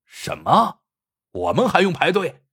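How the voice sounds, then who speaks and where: A man voicing a rude, brash man who shouts demands at a doctor in a spoken story. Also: mid-range voice, animated, normal speed, slightly rough. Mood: rude demanding.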